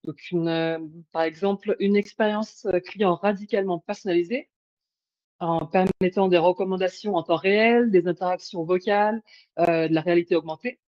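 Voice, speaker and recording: A woman's voice: lowish voice, steady tone, normal speed, darkish tone, no echo. A woman presenting a webinar over a video call, hesitant, with many fillers and restarts. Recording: dull lo-fi call audio.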